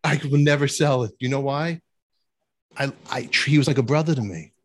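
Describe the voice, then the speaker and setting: A man, a musician, chatting earnestly about a late bandmate, halting and restarting his sentences. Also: medium pitch. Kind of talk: casual chat.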